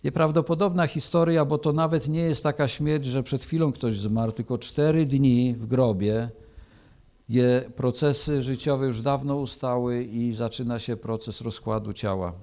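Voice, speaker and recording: A man's voice: mid-range voice, steady tone, unhurried, warm tone. A man preaching, reading a Bible passage aloud and then explaining it, with frequent hesitations.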